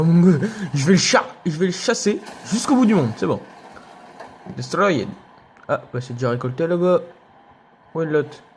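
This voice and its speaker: A young man giving excitable let's play commentary, yelping and laughing at enemies. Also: sits high, a little hiss or hum. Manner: excitable, shouts and yelps at enemies, laughs often. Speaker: gaming youtuber.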